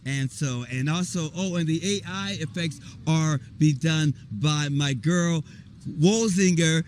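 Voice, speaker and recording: A man, an actor, chatting excitedly and rambling in a casual outdoor interview at a volunteer event. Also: a little high, slow, slight background noise. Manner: excited, rambling, spells things out. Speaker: actor guest.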